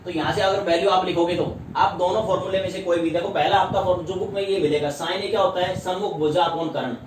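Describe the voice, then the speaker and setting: A man's voice: sits high, steady tone, fast, slight background noise. A man teaching maths in a Hindi-accented classroom lesson, who repeats terms and keeps asking rhetorical questions. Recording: echoey room, voice from far off.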